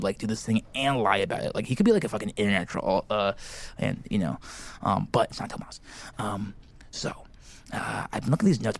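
A man's voice: fairly low pitch, creaky, a little hiss or hum. A man playing an awkward, eager teenage boy hosting a school podcast, whispering into a handheld mic in a library and rambling with lots of fillers. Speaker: podcast host. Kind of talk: scripted comedy podcast. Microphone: handheld microphone.

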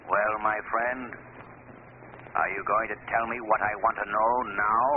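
An actor playing a commanding, mocking crime avenger, with theatrical, formal delivery in old-time radio style. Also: male voice, lowish voice, level tone, natural voice. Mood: accusing, ominous. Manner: theatrical, deliberate, ominous formal diction. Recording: tinny old radio broadcast, faint noise.

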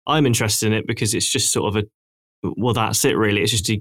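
A man's voice: fairly low pitch, fast, fairly bright tone, no echo, studio quality. A young man hosting a casual podcast chat, laid-back and hesitant with many ums. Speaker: podcast host.

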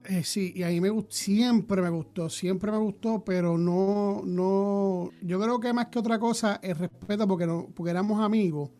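A man's voice: sits high, steady tone, moderate pace, few pauses, mellow, soft background music. A man, co-hosting a podcast and chatting casually, hesitant, with many fillers and repeated words. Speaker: podcast co-host. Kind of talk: casual chat.

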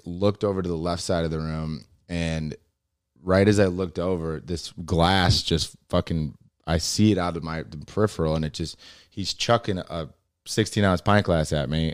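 A young stand-up comedian tells stories in a casual podcast conversation, fast and animated, acting out what the people in them said. His voice is low and smooth, recorded dry with a clean studio sound.

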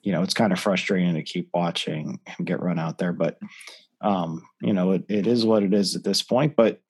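A man co-hosting a sports podcast, talking in an animated, exasperated way as his voice jumps up when he gets worked up. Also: low-pitched, moderate pace, husky. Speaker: podcast co-host. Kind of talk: casual sports podcast chat.

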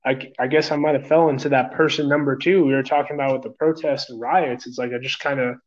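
A man's voice: medium pitch, fairly even intonation, fast talker. A man from New York, an EMS medic talking in a casual interview, rambling with lots of fillers, swearing, and calling the listener "man". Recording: dull lo-fi recording.

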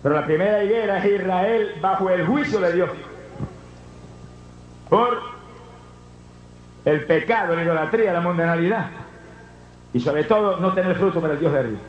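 A man with a high voice preaches a fervent revival sermon, often breaking into exclamations of praise. He is recorded in an echoey church hall. The sound is dull and lo-fi. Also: normal speed, pauses often.

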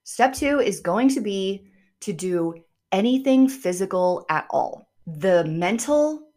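A woman's voice: medium pitch, lively intonation, slow, a little mellow. A woman hosting a self-improvement show, giving upbeat, tidy advice straight to listeners in emphatic, punchy phrases. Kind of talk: scripted advice monologue to listeners.

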